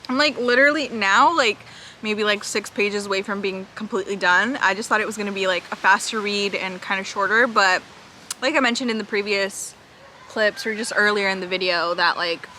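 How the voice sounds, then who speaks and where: A young woman talks casually into her camera at the beach, rambling along with plenty of "like" fillers. Her voice is bright and clear, with a faint hiss of outdoor noise behind it. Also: medium pitch, fairly quick, rough recording. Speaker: book vlogger. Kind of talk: casual vlog chat.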